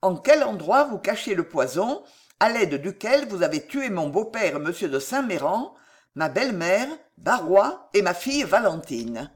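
A man voicing a stern magistrate confronting his wife, calm and cutting in a storybook reading. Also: sits high, a little slow, full character voice. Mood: cold. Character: cold stern magistrate husband.

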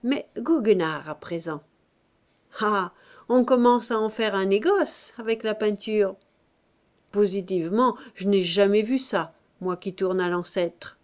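Brief: tormented aging master painter, burly and self-doubting, read by a woman, slow unhurried delivery, audiobook. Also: mid-range voice, a little mellow. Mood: grumbling. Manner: pleading, tormented outbursts. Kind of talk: audiobook character voice.

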